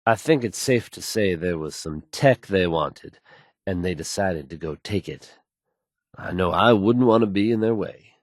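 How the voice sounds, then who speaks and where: This actor's voice is low and expressive, a little slow, and recorded cleanly in a studio without echo. He plays a video game's radio newsman who is confident, easygoing, suave and wry, and his delivery is polished and folksy. Wry and assured in mood, he gives a smooth, scripted news read for the game.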